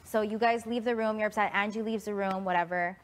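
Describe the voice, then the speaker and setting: A woman's voice: medium pitch, fairly even intonation, a little fast, a little hiss or hum. A woman on a reality show retelling events emphatically and acting out what others said. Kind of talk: storytelling in an argument.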